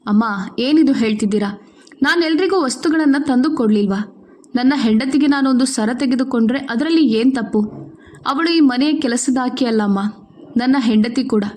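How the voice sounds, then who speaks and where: A woman's voice: sits high, moderate pace, darkish tone, close to an everyday voice. A woman voicing a young husband who speaks earnestly and protectively to his wife. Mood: protesting. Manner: earnest, pleading.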